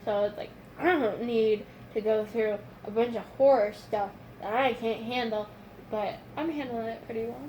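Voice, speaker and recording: A woman's voice: fairly high pitch, steady tone, normal speed, mellow, slight background noise, poor audio. A young adult woman chatting casually and retelling moments dramatically, acting out what people said. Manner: dramatic retelling with quoted dialogue. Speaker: patient recovering from wisdom tooth extraction. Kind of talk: casual chat.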